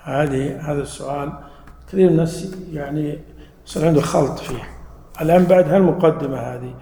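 Guy teaching a mosque class, gravelly mellow voice, keeps quizzing the crowd, big echoey hall. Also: a little high, fast talker, a little hiss or hum. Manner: explains patiently, quizzing listeners with questions. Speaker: religious teacher. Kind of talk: mosque lesson to a live audience. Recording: echoey hall with long reverb.

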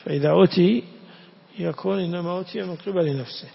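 A man's voice: high voice, quick pace, vocal fry, husky. A man teaching a religious lesson, reading a text aloud, explaining it and putting questions to his students. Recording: echoey hall, dull lo-fi sound.

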